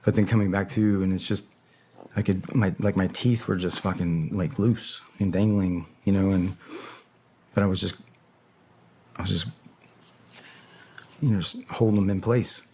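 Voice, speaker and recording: A man's voice: low voice, steady tone, normal speed, pauses often, warm tone, a little hiss or hum. A man, a podcast guest, telling a story in casual talk, swearing bluntly and often stopping to search for words. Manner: profane, blunt and hesitant.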